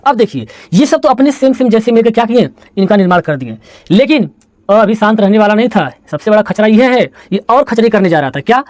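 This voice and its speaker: A man's voice: high voice, sing-song, brisk, darkish tone, no echo. A male teacher giving a board lesson, asking questions and answering them himself, with playful storytelling. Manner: call-and-response questioning, playful storytelling about letters. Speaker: Hindi teacher.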